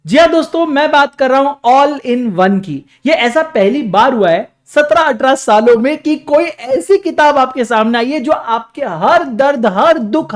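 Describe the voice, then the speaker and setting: A young man, a coaching teacher, giving an energetic, salesy pitch for his new book, with dramatic emphasis.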